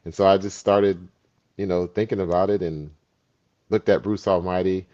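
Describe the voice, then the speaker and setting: A man's voice: low voice, little pitch movement, moderate pace, mellow. A man, an actor, reflecting and telling stories in a casual conversation. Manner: reflective, storytelling. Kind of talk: casual chat. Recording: dull lo-fi sound.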